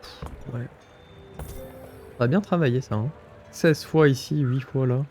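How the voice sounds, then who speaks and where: A man's voice: medium pitch, a little slow, dark tone, soft background music. A man with a stuffy nose, thinking aloud with many fillers as he comments on his gameplay. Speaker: gaming streamer.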